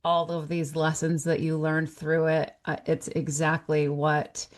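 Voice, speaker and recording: A woman's voice: deep voice, completely flat delivery, measured pace. A woman hosting a podcast interview, chatty and enthusiastic. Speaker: podcast host. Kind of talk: casual interview talk.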